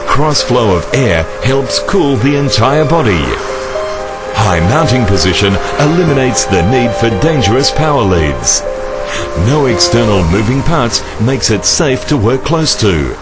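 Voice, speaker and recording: A middle-aged man delivers a scripted advertising voice-over, his pitch moving animatedly from phrase to phrase. His delivery is smooth and persuasive, and clear music plays beneath him. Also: sing-song, measured pace. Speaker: voice-over narrator. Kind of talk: scripted commercial narration.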